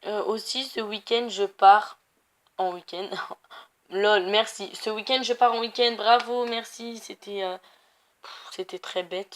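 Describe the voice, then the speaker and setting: A young woman of Portuguese family background chatting casually while playing a video game, rambling with many fillers and self-corrections. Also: mid-range voice. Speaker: gaming youtuber. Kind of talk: casual gameplay commentary.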